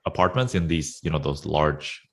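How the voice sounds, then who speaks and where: Male guest in his 30s, very low voice, easygoing and chuckly, video-call audio. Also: moderate pace, creaky. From Sri Lanka. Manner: relaxed, chuckles often, hesitant fillers. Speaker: interview guest. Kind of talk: casual interview talk.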